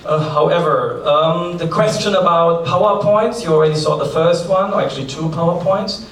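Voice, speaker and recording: Hosting a forum in a large conference hall, a man with a German accent opens the event with practical announcements, delivered chattily with light asides. His voice is fairly high and his speed normal. The recording is echoey, with a distant mic and faint noise.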